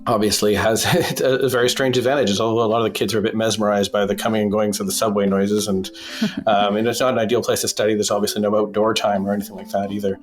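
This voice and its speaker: A man reporting by phone from a basement as a foreign correspondent, measured and full of fillers and restarts. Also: fairly low pitch, little pitch movement, soft background music. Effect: phone line. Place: basement in a war zone.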